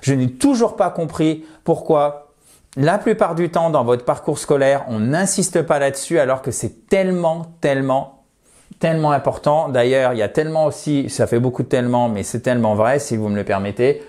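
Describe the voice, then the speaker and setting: A man teaching English in a chatty, self-mocking way, slowing down to model English words. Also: medium pitch, darkish tone. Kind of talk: video lesson.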